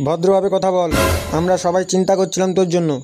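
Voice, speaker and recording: A man's voice: high-pitched, flat delivery, fast, music in the background, close to an everyday voice. A man voicing an earnest young friend in a cartoon gang, talking in a worried, sincere way. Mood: concerned. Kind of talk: cartoon voice acting.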